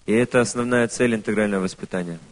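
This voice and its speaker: A man interpreting a speech, phrase by phrase, quick and with restarts. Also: fairly low pitch. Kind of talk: consecutive interpreting.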